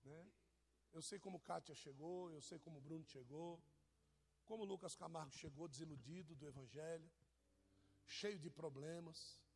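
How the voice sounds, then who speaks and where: A man preaching, teasing and joking with people in his congregation. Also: on the high side. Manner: teasing, jokey, addresses people in the pews. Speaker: pastor. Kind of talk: informal sermon to a congregation.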